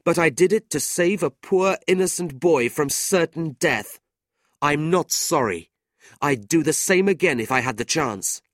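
Reading from a storybook, a man plays an earnest, proud and honest young character who bursts into indignation. He keeps a medium pitch, raised above his own voice yet close to everyday speech, and speaks expressively at a moderate pace. The mood is indignant, and the studio sound is clean with no echo.

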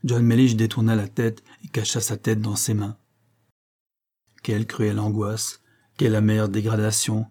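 Man narrating an audiobook in a dark, husky voice. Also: fairly low pitch, monotone, normal speed.

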